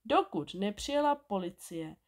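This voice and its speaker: Animated woman reading a bedtime story. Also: medium pitch.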